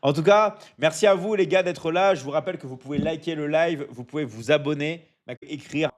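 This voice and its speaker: Fairly high-pitched and speaking a little fast, this Michigan man hosts a laid-back live stream where he responds to viewer comments. His coaching is peppered with frequent "d'accord?" and he often stumbles and starts over.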